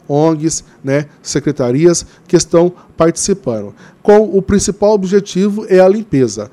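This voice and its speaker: A man's voice: on the high side, mellow. A man giving interview answers as a guest, earnest and hesitant with many fillers, growing impassioned as he speaks. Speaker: interview guest, Green Party member organizing a river cleanup.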